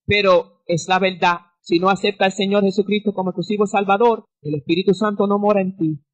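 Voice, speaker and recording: A woman's voice: mid-range voice, steady tone, fairly quick, rough recording. A woman pastor giving a fervent radio testimony sermon, breaking into praises between her story.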